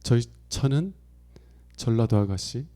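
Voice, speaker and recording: Middle-aged male pastor, mellow voice, chatty storytelling sermon style. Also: medium pitch, lively intonation, measured pace. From Chungcheong Province, Korea. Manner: conversational storytelling, acts out quoted lines with big swings in loudness. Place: church sanctuary.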